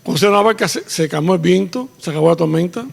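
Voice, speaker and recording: Gravelly, husky man preaching in a church. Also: high-pitched, fast, big-room sound. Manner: preaching with rising emphasis, switching between Spanish and English. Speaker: pastor. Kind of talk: bilingual sermon. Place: church sanctuary.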